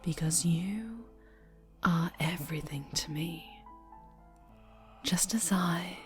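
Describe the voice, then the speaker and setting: Her voice sitting fairly low, a woman whispers and coos with sweet menace as an obsessively doting, sinister dark-angel superhero in close-up ASMR roleplay. The feel is seductive and obsessive.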